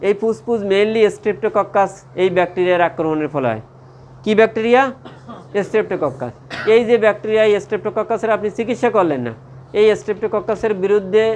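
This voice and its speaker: A man with a high voice teaches a medical class. He poses questions and answers them himself, and he checks again and again that his listeners follow. Faint ambient noise sits under the recording. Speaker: medical lecturer. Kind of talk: classroom lecture.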